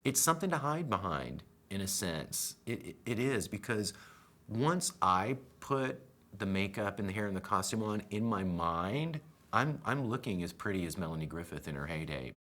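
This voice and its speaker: A man in a documentary interview talks in a measured, candid way. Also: lowish voice, big pitch swings, fairly bright tone.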